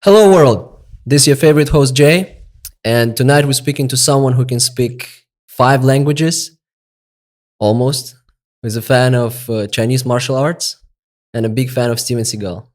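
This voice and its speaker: A man's voice: medium pitch, moderate pace. A man hosting a podcast, asking questions and chatting casually with his guest in an upbeat, friendly way. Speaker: podcast host. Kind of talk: casual interview chat.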